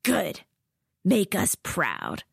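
A woman's voice: on the low side, wildly swooping pitch, very slow, gravelly, breathy edge, no room sound, studio quality, exaggerated voice. A woman voicing a harsh male military officer who taunts and pushes recruits in an audiobook. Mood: taunting. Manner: taunting, domineering.

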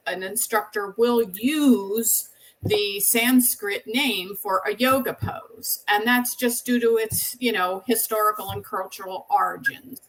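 A woman hosting a podcast conversation, chatty and quick to laugh while leading through slides. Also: medium pitch, a bit bright, rough recording. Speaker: podcast host.

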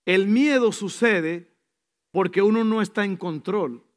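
A male pastor delivers a sermon in a fairly high voice. He acts out small scenes and swings between hushed, slowed-down asides and loud, lively bursts, now and then slipping in an English phrase. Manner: animated, acts out scenes with sudden shifts between soft and loud.

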